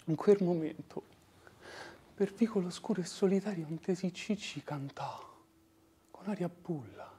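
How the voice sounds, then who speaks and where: A man acting an anguished working-class son in a dramatic monologue, with a Roman dialect accent, moving between hushed murmurs and impassioned outbursts. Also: high-pitched, moderate pace, pauses often, slight background noise, close to an everyday voice. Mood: broken, tense. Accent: Roman (old Romanesco dialect). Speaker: actor.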